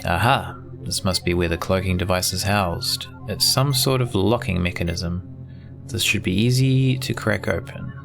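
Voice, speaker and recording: A man's voice: sits low, moderate pace, gravelly, over music. A man giving casual game commentary and reading dialogue aloud as he plays. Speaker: gamer playing through an adventure game.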